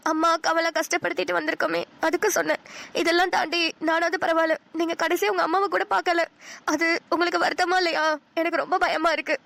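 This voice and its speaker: A woman voicing a gentle, anxious young bride in a cartoon, speaking softly and pleadingly. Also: very high-pitched, flat delivery, fast talker, creaky, dry recording, full character voice. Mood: worried. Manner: soft, worried, pleading. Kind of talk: cartoon voice acting.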